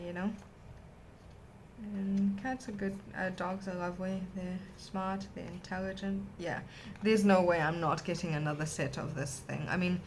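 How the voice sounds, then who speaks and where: Gushing woman with a low voice. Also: a little hiss or hum, rough recording. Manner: gushing, rambling and enthusiastic. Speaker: vlogger unboxing a stationery haul. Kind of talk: casual chat to camera.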